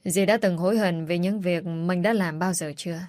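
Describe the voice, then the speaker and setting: A woman's voice: on the low side, fairly even intonation, moderate pace, a little mellow, no echo, close to an everyday voice. A woman doing a cold, accusing young man. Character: cold determined young man seeking justice.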